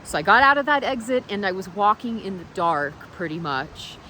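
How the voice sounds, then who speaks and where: A woman vlogger giving a casual, motivational monologue, speaking candidly and reflectively with halting pauses. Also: medium pitch, expressive, bright, forceful tone, slight background noise.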